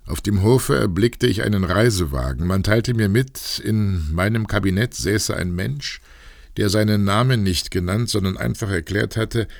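A man's voice: low-pitched, vocal fry, dry recording, studio quality, full character voice. A man reading as a grave, troubled count. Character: troubled aristocratic count recalling a duel. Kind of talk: audiobook reading.

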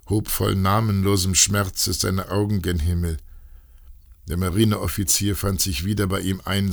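Gravelly low male narrator, dramatic. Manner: dramatic, measured. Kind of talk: scripted narration of a classic novella.

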